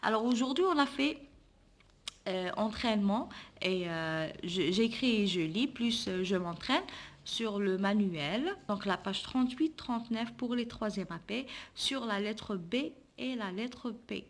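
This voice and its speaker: A woman, a primary school teacher who gives a slow, patient reading lesson to young children and sounds out each syllable. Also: medium pitch, animated.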